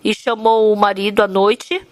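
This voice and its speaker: A woman's voice: medium pitch, little pitch movement, normal speed, no room sound. A woman interpreting a sermon, telling its story earnestly and with emphasis.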